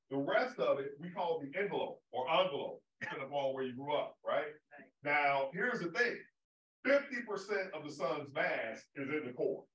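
A man's voice: fairly high pitch, a bit bright. A man giving a public astronomy lecture in a conversational way, often checking in with "right?". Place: observatory lecture room. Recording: roomy hall audio from far off.

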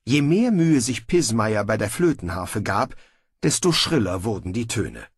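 Husky male audiobook narrator. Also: on the low side, big pitch swings, unhurried, no echo, studio quality.

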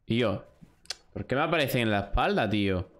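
A man's voice: medium pitch, expressive, moderate pace, a bit bright. A young man from Spain streaming a shooter live, talking to himself and his chat and swearing at his losses. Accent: Spain Spanish. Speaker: gaming streamer. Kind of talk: live gameplay commentary.

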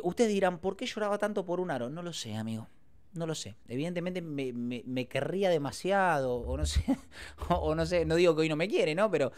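A man's voice: on the high side, a little mellow. A young Argentine man telling a casual story as a podcast host, slangy and rambling with frequent filler tags. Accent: Argentine Spanish.

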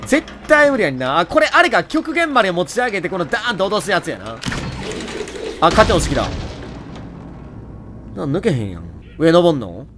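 A man with a Kansai accent giving jokey, animated running commentary on a horror game and talking to its characters. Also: high voice, moderate pace, long pauses, background noise. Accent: Kansai Japanese. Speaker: let's play host.

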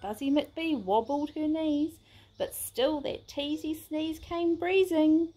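A woman reading a rhyming picture book aloud in a sing-song, expressive way. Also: high voice, slow. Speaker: storybook reader.

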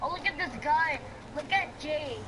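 A woman playing along in a gameplay session, excitable, swearing and complaining at the game. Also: high-pitched, moderate pace, crowd noise. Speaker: gaming partner. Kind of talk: casual gameplay banter.

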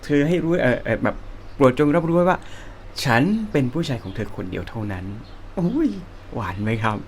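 A man with a Thai accent teaching singing, explaining slowly and breaking into high sung phrases. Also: very animated, a little hiss or hum. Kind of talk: relaxed spoken singing lesson with sung demonstrations.

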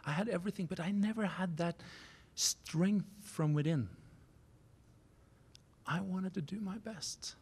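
A man in his forties from Norway with a Norwegian accent, giving a keynote speech at a university podium, earnest and halting, restarting phrases in non-native English. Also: sits high, darkish tone, husky. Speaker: keynote speaker. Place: university auditorium stage. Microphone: podium microphone.

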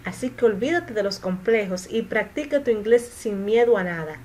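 A woman teaching English pronunciation, repeating model sentences slowly and clearly, then translating and giving advice. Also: medium pitch, animated, darkish tone, a little hiss or hum, poor audio. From Latin America. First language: Spanish. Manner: slow, deliberate, clearly articulated model sentences. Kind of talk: pronunciation lesson with slow repetition and translation.

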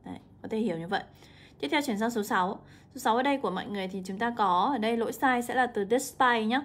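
A woman's voice: fairly high pitch, fairly bright tone. Young woman teaching. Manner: explanatory, stretches example words slowly. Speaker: English teacher. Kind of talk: exam walkthrough lesson.

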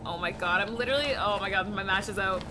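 This young woman's live horror game commentary comes quick and medium-pitched, full of startled exclamations and swearing. Game music and other background noise play behind her.

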